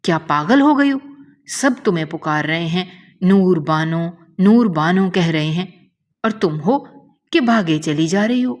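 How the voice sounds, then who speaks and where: A woman's voice: a little high, lively intonation, warm tone, voice pushed up. A woman voicing an exasperated, worried young man who scolds and questions in disbelief in a narrated story. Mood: scolding.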